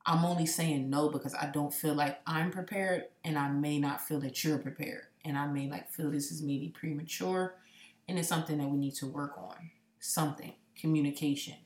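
A woman's voice: low voice, a little mellow, echoey room. A woman in her late twenties co-hosting a podcast, talking candidly and reflectively, with a joking streak. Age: late 20s. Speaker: podcast co-host. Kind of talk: casual chat.

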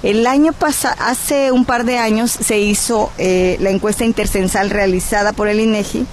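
With a mid-range voice, fairly even intonation and normal speed, a Mexican-accented woman from Guerrero makes her case as a cultural advocate on a radio interview. She is earnest and persuasive but halts frequently on "eh." There is a little hiss or hum.

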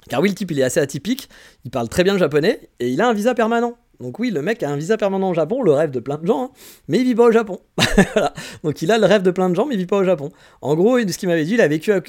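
A man's voice: a little high, a little mellow. A man from France hosting a podcast, telling travel anecdotes in a slangy, chatty way with lots of fillers and restarts. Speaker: podcast host. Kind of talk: casual storytelling monologue.

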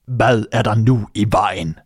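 A man voicing a magic talking flounder in a fairy tale reading, slow and detached. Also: lowish voice, breathy edge, dry recording, studio quality. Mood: aloof.

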